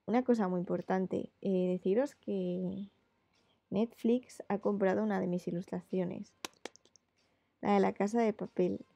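Chatty woman with a gravelly voice. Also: medium pitch, warm tone, dry recording. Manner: chatty, rambling with many fillers. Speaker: illustrator. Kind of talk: casual chat while drawing live.

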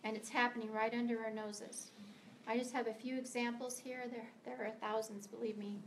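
A middle-aged woman from the United States speaks to a meeting as a guest author. Her voice sits a little high, and her delivery is earnest and emphatic. She sometimes stumbles and restarts her words, and faint noise hums underneath. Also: flat delivery, normal speed. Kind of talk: prepared speech to a meeting. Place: meeting room of a library.

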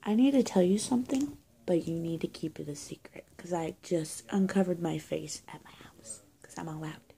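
A young woman with a lowish, mellow voice improvises a witch roleplay to camera, playing a witch who cares for someone hurt. Her halting, confiding, breathy delivery often sinks toward a whisper, recorded by a phone or webcam at arm's length in a small indoor room with bare walls.

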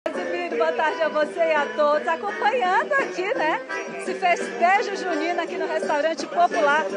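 A woman TV field reporter, chatting lively on air from an outdoor event. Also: very high voice, normal speed. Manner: lively, chatty, addresses anchor often. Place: outdoor community restaurant with live forró band. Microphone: handheld TV mic, masked. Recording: loud forró music and crowd behind.

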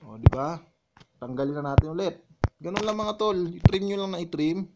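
A man's voice: fairly high pitch, normal speed, very noisy. Chatty male vlogger talking viewers through edits. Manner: walks viewers step by step, often calling them "mga tol". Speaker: vlogger explaining his editing. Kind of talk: casual tutorial voice-over.

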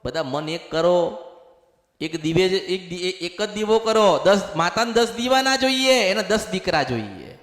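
Male temple medium, high voice, repetitive devotional preaching in the goddess's voice, echoey hall. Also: big pitch swings, measured pace, a bit bright. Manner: speaks as the mother goddess, repeating exhortations. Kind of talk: devotional sermon.

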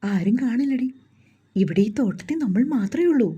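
A woman's voice: fairly high pitch, lively intonation, normal speed, mellow, slightly rough. A woman reading the lines of a playful young man who teases his bride-to-be. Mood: teasing.

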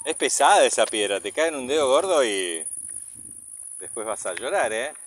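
A man's voice: medium pitch, big pitch swings, moderate pace. A man with a Rioplatense Argentine accent, a father filming a casual vlog as he walks, talking to camera and to his child. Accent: Rioplatense Argentine Spanish. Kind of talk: casual narration and chat with a child. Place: outdoors, walking along a path. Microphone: handheld camera or phone, held by speaker. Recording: outdoor recording with clear background noise.

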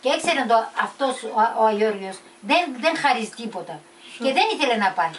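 An older woman telling a story from memory in a halting way, with many restarts and repeated words. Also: on the high side, big pitch swings. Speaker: storyteller recalling the past. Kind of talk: casual family storytelling. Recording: distant mic with faint background noise.

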